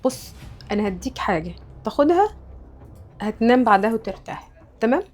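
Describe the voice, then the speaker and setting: An actress playing a calm female psychiatrist with an Egyptian accent, soothing and professional. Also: a little high, a little fast. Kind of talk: web drama acting.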